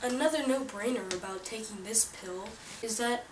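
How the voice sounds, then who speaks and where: A young woman giving a scripted, salesy hard-sell infomercial pitch with rhetorical questions. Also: normal speed. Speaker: student presenter. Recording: noisy amateur recording, distant mic.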